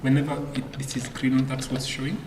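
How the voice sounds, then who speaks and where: A man's voice: medium pitch, level tone, a little fast. A man hosting a chess tournament broadcast, chatting casually with many fillers and restarts as he interviews players. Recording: echoey hall, distant mic, background noise.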